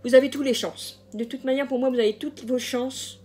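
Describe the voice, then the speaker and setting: A woman's voice: high-pitched, steady tone, a little fast, a little mellow, slight background noise. A woman giving a casual general tarot reading, hesitant, with many fillers and restarts and the odd laugh at her own jokes. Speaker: tarot card reader.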